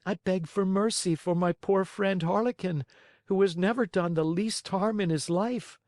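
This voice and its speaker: A man playing a tiny wooden boy puppet from a storybook, pitched high and piercing. He pleads earnestly and speaks up bravely for his friend. Dry, close recording. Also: moderate pace, darkish tone, dry recording, natural voice. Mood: pleading.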